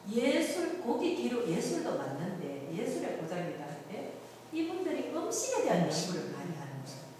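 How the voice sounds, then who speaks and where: A woman's voice: medium pitch, moderate pace, a little hiss or hum. Middle-aged woman lecturing, voice swings up and down a lot, far off in a big echoey hall. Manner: lively, asks the audience questions. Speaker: tour guide giving a lecture. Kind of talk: humanities lecture to an audience.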